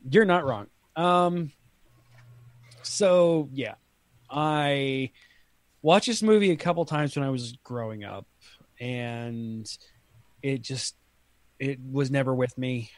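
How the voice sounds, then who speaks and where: A man's voice: medium pitch, no echo. A man co-hosting a podcast review in casual chat, blunt and opinionated, laughing easily. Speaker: podcast co-host.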